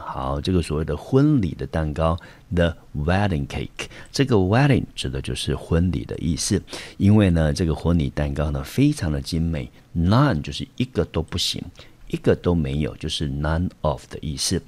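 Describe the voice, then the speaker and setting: A man's voice: sits low, darkish tone, dry recording. A man teaching an English vocabulary lesson, explaining pronunciation and example sentences step by step. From Taiwan. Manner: explains step by step, often starting with "好". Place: school teaching studio.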